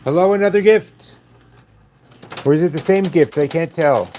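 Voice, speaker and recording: A man's voice: on the high side, normal speed, warm tone, a little hiss or hum. An older man hosting a casual live stream, chatting to viewers with dry, wisecracking asides.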